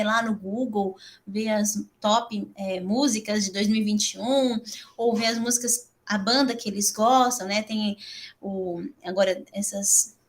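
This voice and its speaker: Brazilian woman teacher, middle-aged, fairly high voice, chatty and animated, leans on "né" between phrases. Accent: Brazilian Portuguese. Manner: chatty, fills with frequent "né"; animated, laughs and jumps up in pitch. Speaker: English teacher presenting to fellow teachers. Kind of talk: teacher training talk.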